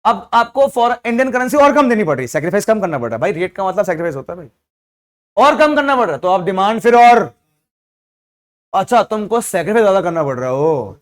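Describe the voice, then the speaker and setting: A man's voice: high-pitched, big pitch swings, fast. A man teaching economics to a class, asking the students rhetorical questions and mixing English terms into his Hindi. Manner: scolds students loudly when they laugh. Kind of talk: classroom lecture.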